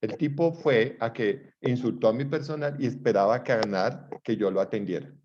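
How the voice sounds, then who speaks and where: A man's voice: mid-range voice, moderate pace, noisy background. A man, a psychologist lecturing students and acting out dialogue from his stories. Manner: lively storyteller, acts out dialogue. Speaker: psychologist teaching a class. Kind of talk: lecture with anecdotes. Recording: dull lo-fi recording.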